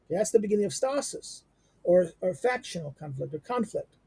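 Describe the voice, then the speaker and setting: A middle-aged man giving an unscripted lecture on a text, halting with many fillers, restarts and rhetorical questions. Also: high-pitched, animated, gravelly, warm tone, breathy edge, no room sound.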